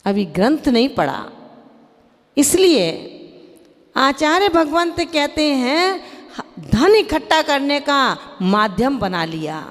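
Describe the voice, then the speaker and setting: A woman's voice: high-pitched, sing-song, takes it slowly. A woman delivering a sermon as a Jain nun, chanting scripture verses and questioning and chiding her audience directly. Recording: long hall reverb.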